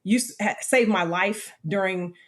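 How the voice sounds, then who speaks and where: An American woman in her fifties appears as a podcast guest, telling personal stories with animated energy and acting out the voices of the people she quotes. She keeps repeating "literally," and her mid-range voice moves at a measured pace through this interview storytelling.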